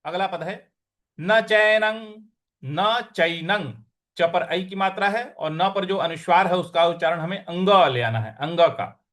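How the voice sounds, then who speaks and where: A man teaching a scripture lesson, reciting verses in a slow chanting tone and then explaining pronunciation and meaning. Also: sits high, fairly bright tone.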